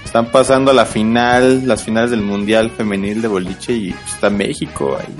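A man's voice: on the low side, steady tone, moderate pace, soft background music. A man with a Mexican accent co-hosting a live podcast, sharing gossip in a laid-back way. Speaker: podcast co-host. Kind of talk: casual live podcast banter.

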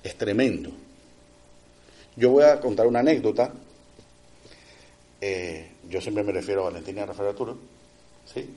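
This sermon comes from a middle-aged man whose voice sits on the low side. His style is conversational, peppered with brief asides to the congregation, and he shifts back and forth between forceful, loud passages and softer moments.

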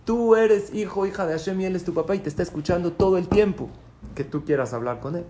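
A man, a rabbi, giving a sermon, teaching through questions and answers, now pleading loudly, now dropping to soft asides. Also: sits high, quick pace.

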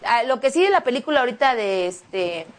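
A woman with a Mexican Spanish accent, a singer and actress chatting emotionally as an interview guest. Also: fairly high pitch. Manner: chatty and emotional, quick animated retelling. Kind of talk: casual interview chat.

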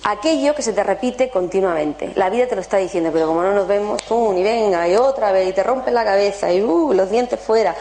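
A woman giving an animated motivational talk to an audience, asking them rhetorical questions. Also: mid-range voice, brisk, few pauses, a little hiss or hum. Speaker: spiritual workshop speaker.

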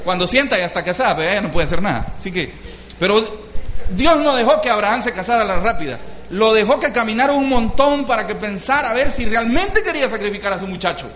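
A man preaching a sermon, telling the story in a lively way and often addressing his listeners as brothers. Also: extremely high pitch, brisk, reverberant, a little hiss or hum. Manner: lively storytelling, keeps calling the congregation "hermano". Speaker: pastor.

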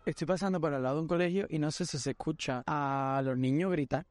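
A young man from Algeciras with an Andalusian accent, excitably telling a comic story while walking down a city street, swearing freely. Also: on the high side, quick pace, no room sound. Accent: Andalusian Spanish. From Algeciras, Spain. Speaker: podcast host.

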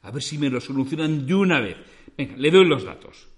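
A man's voice: mid-range voice, sing-song, fairly quick, lightly acted. A man voicing a flustered, exasperated male customer on a phone call, stammering and pleading. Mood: irritated.

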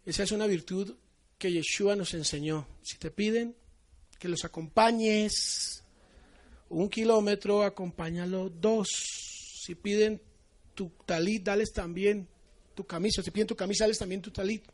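Colombian male preacher, higher-pitched voice, lively teaching sermon with little acted-out dialogues. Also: unhurried. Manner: animated, acts out everyday dialogues in the talk. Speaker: congregation teacher.

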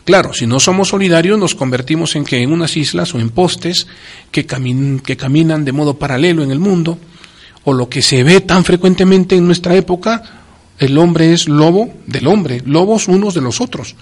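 A man's voice: fairly high pitch, moderate pace. A man speaking in a preacherly, emphatic way on a religious talk program, often repeating his key phrases for stress.

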